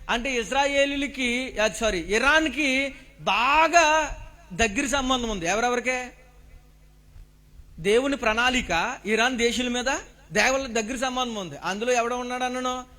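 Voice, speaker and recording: A man delivers a sermon in a church hall, his voice pitched very high. His tone is bright and forceful. He keeps putting questions to the congregation and presses them to shout their answers back. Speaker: preacher. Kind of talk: Telugu sermon with call-and-response questions to the congregation.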